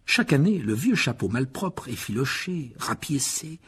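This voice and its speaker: A man narrating an audiobook with a husky voice, telling the story dramatically and rising with the action. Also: mid-range voice, sing-song, moderate pace, fairly bright tone. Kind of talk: scripted narration.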